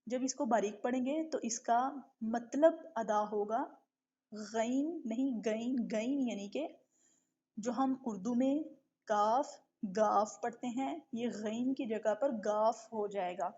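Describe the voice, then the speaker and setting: A woman teaching recitation in a live online lesson, explaining patiently, drawing out letter sounds slowly, and often checking that her students follow. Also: fairly high pitch, dark tone. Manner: patient, explanatory, keeps checking with a repeated question. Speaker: tajweed teacher. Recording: dull lo-fi online stream audio.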